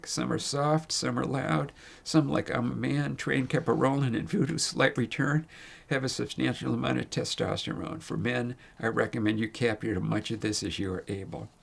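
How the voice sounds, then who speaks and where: An American man in his seventies reading a prepared, personal farewell eulogy in a tender, faltering way, with a gravelly, husky voice. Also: medium pitch, fairly even intonation, moderate pace. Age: 70s. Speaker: speaker reading his own farewell funeral speech.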